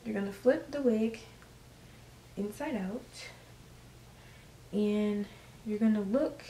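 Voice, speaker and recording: A woman's voice: a little high, slight background noise. Casual female vlogger, slangy and talkative, recorded on a distant camera in an echoey room. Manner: chatty, loose, lots of fillers and slang. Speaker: hair tutorial vlogger. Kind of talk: casual how-to vlog. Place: room at home. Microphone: camera set up at a distance. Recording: roomy, camera mic from a distance.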